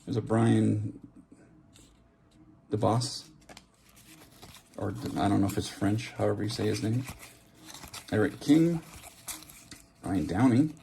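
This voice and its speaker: He takes it slowly, speaking in a low, creaky, warm voice and pausing often. As host of a trading card opening channel, he casually narrates while opening card packs, reading out names and musing to himself, with background hiss, handling clicks and card shuffling in the recording.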